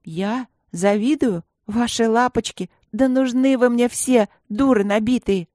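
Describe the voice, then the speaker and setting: A prickly teenage schoolgirl snaps with contempt, as a woman reading a storybook puts her on. The voice sits higher than the reader's own and the sound is dry and close. She is quick to take offense. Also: a little mellow, no room sound, natural voice. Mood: indignant. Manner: snapping and contemptuous.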